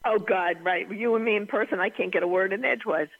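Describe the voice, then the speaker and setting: A woman's voice: mid-range voice, quick pace. A middle-aged woman with a Brooklyn accent, chatting casually over the phone. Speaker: podcast guest, host's mother. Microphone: telephone call recorded through computer. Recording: tinny phone line.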